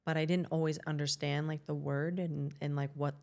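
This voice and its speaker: A woman's voice: low voice, little pitch movement, normal speed, creaky, a little mellow. A middle-aged woman with a Boston accent, a guest chatting casually in an interview, rambling with many fillers and restarts. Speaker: podcast guest, hairstylist and CrossFit coach.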